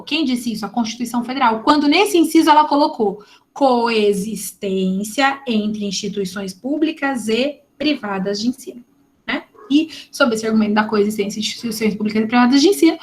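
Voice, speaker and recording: A middle-aged woman with a Brazilian Portuguese accent, giving a chatty online lecture on education law and firing rhetorical questions at her students. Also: on the high side. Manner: lively and chatty, asks the audience rhetorical questions. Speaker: teacher.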